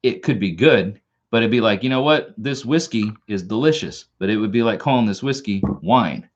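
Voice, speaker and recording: Rambling on a casual live stream, the Long Island-accented host keeps restarting and repeating himself. He's a man from Long Island, New York, with a fairly low, animated voice at a moderate pace, and the recording's highs are cut off.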